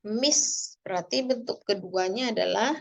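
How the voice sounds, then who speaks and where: A woman with an Indonesian accent teaching English grammar, explaining slowly and deliberately and switching between English and Indonesian. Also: medium pitch, creaky. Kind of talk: online grammar lesson.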